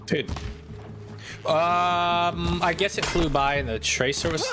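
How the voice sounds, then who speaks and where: This game streamer's voice is on the high side and slow. He gives casual gameplay commentary over video game music, muttering offhand and swearing to himself.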